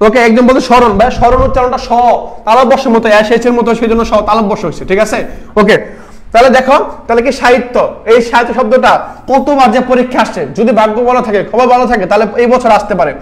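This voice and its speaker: High-pitched fast-talking tutor. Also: male voice, fairly even intonation. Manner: quizzing students and repeating answers; sings short song lines to make a point. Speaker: admission test tutor. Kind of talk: casual exam-prep lesson.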